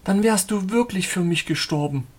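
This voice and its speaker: Guy doing a young woman, high and breathless, husky, crying out in love and fear. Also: moderate pace. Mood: passionate.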